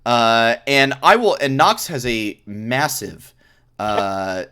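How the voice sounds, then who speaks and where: A man's voice: mid-range voice, animated, slow pace, sharp tone, smooth. A man hosting a casual esports stream chat, joking and laughing often. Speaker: host.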